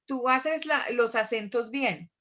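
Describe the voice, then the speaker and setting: A woman teaching an online class, chatty and animated, often checking in with her students. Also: on the high side, slow pace, dull audio.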